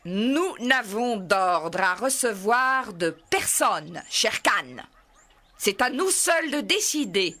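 A woman's voice: high voice, animated, slow, hardly any pauses, pushed and bright, pitched above the performer's own voice, heavily acted. A woman voicing a proud male wolf who leads the pack council in a storybook reading. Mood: commanding. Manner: proud, commanding.

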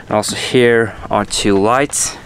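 Speaking slowly, with a fairly low, fairly bright voice and fairly even intonation, a boat owner casually walks through his open motorboat on the water, fixing his own words as he goes. Outdoor noise from the boat is audible.

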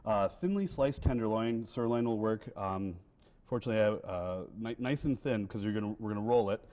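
A man's voice: on the low side, brisk. A man in his thirties, a winery guest on a TV cooking segment, talking casually with lots of fillers while he cooks in a studio kitchen. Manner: relaxed, many fillers and restarts. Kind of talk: casual cooking demo chat.

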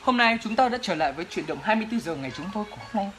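A man's voice: high voice, animated, racing, fairly bright tone, soft background music. A young man imitating a formal television news anchor with a stiff announcer delivery.

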